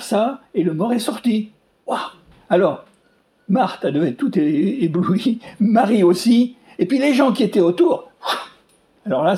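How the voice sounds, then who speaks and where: A preacher giving a sermon, emphatic, asking rhetorical questions and piling up repeated phrases with sweeping rises in pitch. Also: dark tone.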